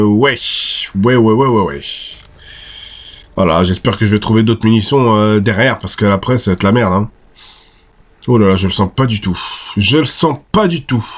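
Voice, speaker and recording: A man with a French accent commenting on his own gameplay, excitable, swearing and shouting at the enemies. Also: medium pitch. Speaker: gaming video host.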